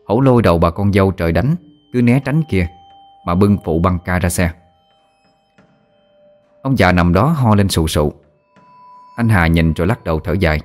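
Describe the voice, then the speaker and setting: Deep-voiced male storyteller. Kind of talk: scripted story narration.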